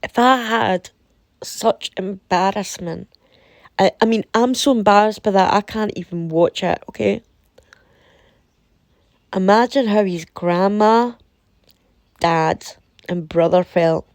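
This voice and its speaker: Woman from the UK, sore throat, creaky voice in a dry recording; opinionated, emphatic casual commentary. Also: mid-range voice, no echo. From United Kingdom. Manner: deliberate, emphatic, repeating phrases for effect. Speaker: commentator reading and reacting to a website.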